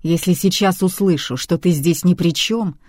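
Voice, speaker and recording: The audiobook narrator voicing a huge male detective who barks orders and threatens slowly. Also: medium pitch, darkish tone, no room sound, clean studio sound, natural voice. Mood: gruff menacing. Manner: barking orders, slow and threatening. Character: huge menacing male detective, gruff and blunt.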